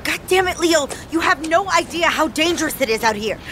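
A middle-aged woman playing a defiant, protective mother on the run in an audio drama, blunt and sharp-tongued. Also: high-pitched, animated, a little fast, a little hiss or hum. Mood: stern, worried. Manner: blunt, swearing.

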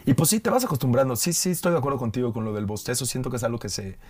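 A young man speaks with a clipped Yucatecan accent in his voice, chatting easily as a guest. His pitch sits in the middle for a man. He tells stories in a relaxed way, often restarting his sentences. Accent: Yucatecan Spanish. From Yucatán, Mexico. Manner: relaxed, storytelling with quick restarts. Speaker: guest, video creator. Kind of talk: casual conversation.

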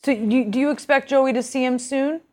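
A woman news anchor asking gentle, probing questions in a live interview. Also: high voice, steady tone, normal speed.

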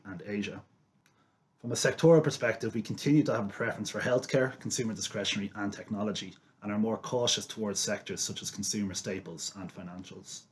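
Low-voiced man explaining finance, businesslike. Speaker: investment expert guest. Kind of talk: explanatory finance podcast talk.

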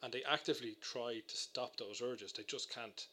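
A man's voice: medium pitch, normal speed, bright, forceful tone, slightly rough. A man hosting a casual studio chat, talkative and often repeating words as he starts. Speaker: host.

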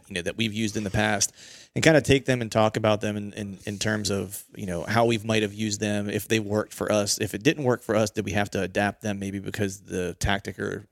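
A man's voice: lowish voice, vocal fry, dry recording, clean studio sound. A man hosting a podcast in a casual, jokey and rambling conversational style. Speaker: podcast host.

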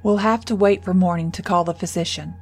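A woman's voice: on the low side, fairly even intonation, brisk, darkish tone, husky. A woman doing a stern farm father. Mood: firm.

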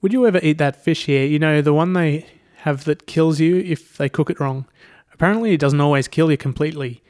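A man's voice: a little high, fairly quick, a little mellow, no room sound, studio quality, natural voice. Nervous, rambling male scientist in a read-aloud story, voiced by the male narrator. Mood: uneasy. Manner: jittery, rambling.

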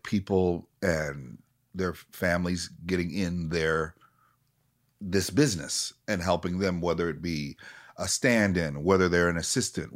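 Deep-voiced reflective man in his forties. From Minneapolis area. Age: 40s. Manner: halting, reflective, restarts often. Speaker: actor, guest. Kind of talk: candid conversation.

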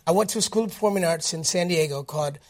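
A man's voice: on the high side, rapid-fire. Upbeat man from Detroit telling stories. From Detroit, United States. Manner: animated, upbeat, with many fillers and restarts. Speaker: interview guest, actor. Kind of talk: casual interview storytelling.

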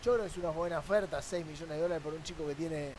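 A man's voice: fairly high pitch, fast talker, a crowd in the background. A man with an Argentine accent, a sports journalist arguing his point on a football talk panel with rhetorical questions.

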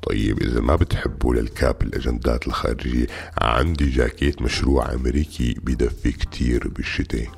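A man playing a pushy, gravelly clothes seller with a Syrian Arabic accent and insistent patter in a comic radio sketch. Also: very deep voice, fairly even intonation, fast, full character voice. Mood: insistent selling. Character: pushy male clothes seller peddling political outfits.

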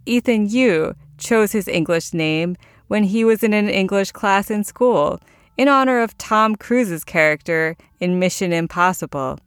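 A woman hosting a podcast, reading scripted narration in a calm, even, polished way. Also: medium pitch, unhurried, clean tone, dry recording, clean studio sound.

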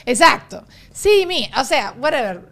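A Venezuelan woman hosting a casual podcast chat, lively and quick to laugh, filling with "o sea". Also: high voice. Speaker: podcast host.

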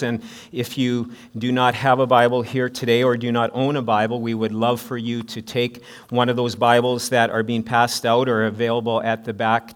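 A man preaching a sermon at a pulpit microphone in a church, earnest, often restarting phrases and building to emphatic preaching. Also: mid-range voice. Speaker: pastor. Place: church sanctuary.

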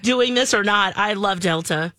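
A woman's voice: mid-range voice, normal speed, pushed and bright, dry recording, clean studio sound. A woman co-hosting a morning radio show in casual, chatty talk. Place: dry radio studio.

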